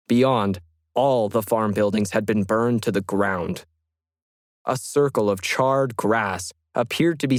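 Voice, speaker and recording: In a scripted first-person audio story, a man reads from his journal as a solitary 1950s ham radio hobbyist. His medium-pitched, natural voice is measured, methodical and reflective, and the recording is dry with no room sound.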